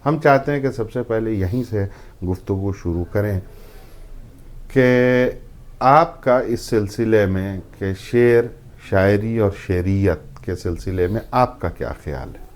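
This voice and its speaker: A man hosting a conversation on poetry, speaking in a measured way with frequent hesitations. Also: fairly low pitch, darkish tone. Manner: measured, hesitant with many fillers. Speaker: host. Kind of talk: interview.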